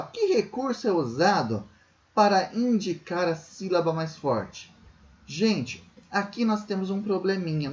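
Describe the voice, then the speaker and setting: The recording is muffled, and the man's voice is a little high with a darkish tone. Teaching young primary students, he patiently explains a workbook exercise in a Brazilian Portuguese accent, frequently using tag questions to check they follow.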